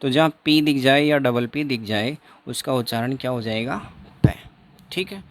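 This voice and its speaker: A man's voice: mid-range voice, moderate pace. A man teaching an exam-prep phonetics lesson, repeating each sound and example several times.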